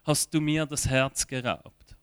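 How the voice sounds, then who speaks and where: Slow earnest male preacher. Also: mid-range voice, steady tone, a bit bright, smooth, no echo. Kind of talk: sermon.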